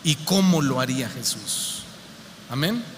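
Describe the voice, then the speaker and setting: A man's voice: mid-range voice, expressive, measured pace, slight background noise. A man with a Mexico City accent preaching a sermon as pastor, in a conversational, humorous way full of rhetorical questions. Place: church hall. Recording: reverberant church hall, faint ambience.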